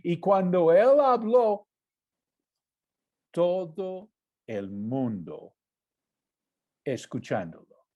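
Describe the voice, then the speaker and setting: Slow-talking conversational male preacher. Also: very animated, muffled recording. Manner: conversational, asks the congregation questions often; acts out mocking quoted voices, high and shouted. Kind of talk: sermon.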